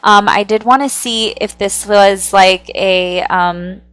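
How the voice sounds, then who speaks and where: A woman tarot reader talks through a channeled reading in a chatty, conversational way, with a voice of middling pitch. She keeps checking in with her listener and has an air of nervous amusement. The sound is dry and close, with no room echo. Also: fairly even intonation, slow, fairly bright tone, smooth. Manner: speaks with nervous amusement and frequent laughter.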